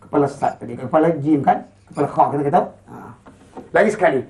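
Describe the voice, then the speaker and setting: A Quran recitation teacher with a Malaysian Malay accent, chanting slow model verses and then quickly explaining and quizzing pupils. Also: medium pitch, lively intonation, a little mellow. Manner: quizzing pupils with short questions. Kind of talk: classroom lesson with call-and-response.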